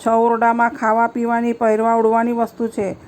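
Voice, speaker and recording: A woman's voice: on the high side, completely flat delivery, fairly quick, darkish tone, a little hiss or hum, close to an everyday voice. A woman voicing a stubborn elderly Brahmin wife who insists and scolds, in a devotional folk story. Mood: scolding.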